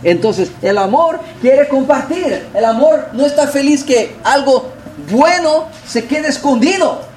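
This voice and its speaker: A man preaching a sermon, asking rhetorical questions and swinging between loud and soft delivery. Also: very high-pitched, expressive, unhurried, rough recording. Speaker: pastor.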